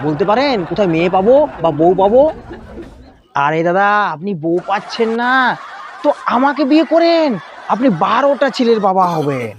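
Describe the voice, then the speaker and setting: A man's voice: high-pitched, very animated, moderate pace, some chatter behind, slight background noise. A young man performing a comic sketch, pleading and whining in some parts and grumbling in others. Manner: pleading and whiny, then grumbling. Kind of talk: sketch comedy, playing several parts.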